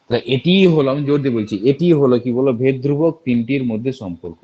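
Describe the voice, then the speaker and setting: A man's voice: mid-range voice, quick pace. A man teaching a math lesson for exam prep. He repeats each step, quizzes students with rhetorical questions and keeps warning them about careless slips. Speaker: math tutor. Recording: dull lo-fi recording.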